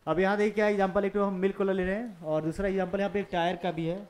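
A male physics teacher from the Jharkhand region lectures his students in a mix of Hindi and English, dictating notes and quizzing them. His voice is high, level and darkish, and he speaks in rapid-fire fashion.

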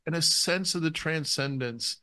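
A man hosts a religious talk show, speaking earnestly and leaning hard on key words. His voice sits a little higher than most men's. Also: normal speed, bright, forceful tone. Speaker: show host.

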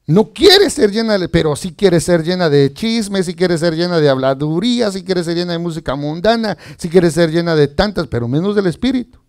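Male pastor, sermon, fairly high voice, quizzes the congregation, conversational. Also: fairly quick, darkish tone, clear, resonant tone.

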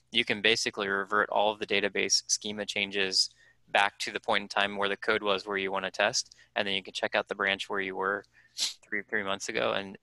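A man casually explaining database practices to a presenter on a video call, relaxed and enthusiastic. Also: lowish voice, vocal fry, no room sound, rough recording. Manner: relaxed, enthusiastic, restarts often. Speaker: developer helping a presenter.

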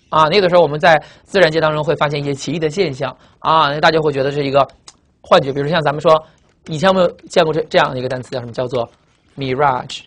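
A man teaching English vocabulary in Mandarin, repeating each word and explaining it with memory tricks and a steady stream of filler sounds. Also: a little high. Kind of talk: recorded vocabulary lesson.

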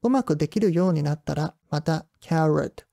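Gravelly, mellow-toned pronunciation teacher. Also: medium pitch, no room sound, studio quality. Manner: calm step-by-step explanation with drawn-out sound demonstrations. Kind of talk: scripted pronunciation lesson.

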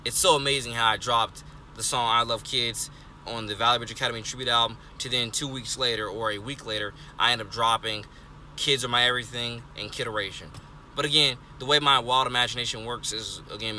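Sitting in a parked car, a twenty-year-old vlogger talks earnestly into a phone held close in selfie framing. His rambling casual monologue is full of fillers and restarts. His voice is lowish with a sharp tone, and there's slight background noise.

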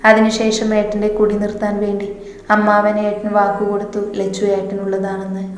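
Woman reading as a teasing young woman: steady flat delivery, echoey room with long reverb. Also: mid-range voice, brisk, lightly acted. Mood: earnest. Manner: teasing, coaxing.

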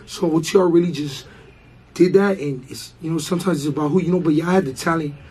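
A hoarse young man chats as an interview guest, rambling through slang, fillers and restarts. His voice is husky and a touch high, and it sits in a dark, mellow tone. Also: fast talker, low-quality recording. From Baldwin Park, Los Angeles. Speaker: rapper guest. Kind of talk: casual interview chat.

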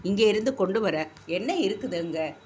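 A woman voicing a wealthy young man who fires off sharp, commanding questions. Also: mid-range voice, expressive, moderate pace, slight background noise, pitched above the performer's own voice, natural voice. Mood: demanding. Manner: brusque, demanding questions.

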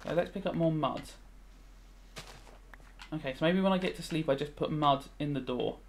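A British religious studies teacher with a higher-pitched voice gives casual revision commentary while playing a video game. He speaks at a moderate pace, rambling and thinking aloud as he switches between explaining and musing, with slight background noise.

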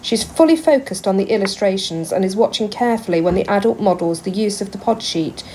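A woman's voice: medium pitch, fairly quick, darkish tone, slight background noise, rough recording. A woman giving scripted, explanatory narration for an educational video.

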